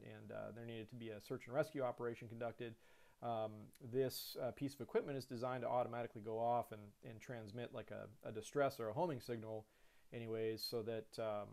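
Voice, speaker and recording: An airline pilot in his thirties gives a relaxed screen-share lesson on cockpit controls, full of fillers and restarts. His voice is mid-range and creaky.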